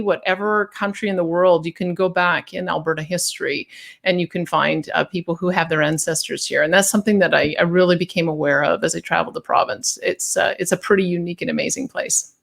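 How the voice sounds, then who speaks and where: A woman's voice: fairly low pitch, gravelly. A Canadian woman from Calgary, a guest talking earnestly in an interview over a video call, often repeating words as she thinks. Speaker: guest, policy paper author. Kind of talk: conversational interview answers.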